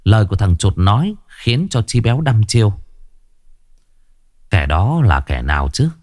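A man narrating a ghost story with a lively storytelling delivery. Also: lowish voice, moderate pace, no room sound, studio quality.

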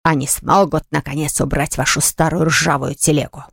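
A woman voicing a gruff, rude middle-aged male baker who blusters and snaps. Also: sits low, fairly even intonation, normal speed, no room sound, studio quality, voice pushed down, full character voice. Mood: blustering. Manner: surly, blustering.

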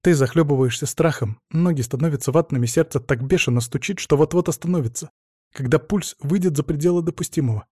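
A man reading a suspense novel aloud in a slow, tense way. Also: a little high, dark tone, no room sound, clean studio sound. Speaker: audiobook reader. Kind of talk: scripted narration.

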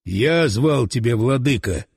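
A man voicing a husky, fanatical sorcerer. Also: mid-range voice, lively intonation, clean studio sound, voice pushed down, exaggerated voice. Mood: exalted. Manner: slow grandiose incantation. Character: fanatical male sorcerer summoning dark master. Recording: long reverb tail.

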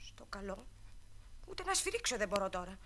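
A woman's voice: high voice, lively intonation, pushed and bright, a little hiss or hum. A woman voicing a lonely small boy who whines and pleads to play, in a children's record drama. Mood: sulky. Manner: whiny, insistent.

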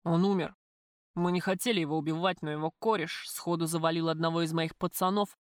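A woman reading an audiobook, voicing a coarse, possessive male gang boss who talks in rough slang. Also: low voice, steady tone, a little fast, dry recording, studio quality, voice pushed down, lightly acted. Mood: justifying.

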